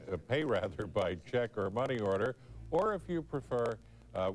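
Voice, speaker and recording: A man hosting a public television pledge drive, making an earnest, measured appeal in formal phrasing. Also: lowish voice.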